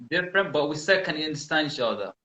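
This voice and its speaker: Bright-voiced Kurdish-accented man, echoey room. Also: on the high side, sing-song, fast talker. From southern Kurdistan. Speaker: interviewer, English-teaching host. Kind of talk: casual interview on language learning.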